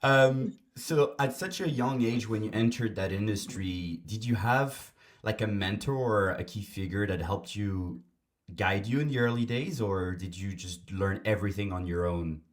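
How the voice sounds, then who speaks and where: A podcast host interviewing a guest in a relaxed way, with frequent "yeah"s and fillers. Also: low voice, moderate pace. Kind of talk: casual interview chat.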